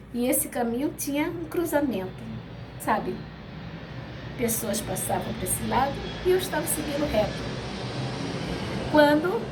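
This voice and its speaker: Middle-aged mom telling her grief story, emotional, kinda high voice, talks right to the audience. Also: a little mellow, slight background noise. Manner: emotional, addresses listeners directly. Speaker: bereaved mother. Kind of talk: personal testimony storytelling.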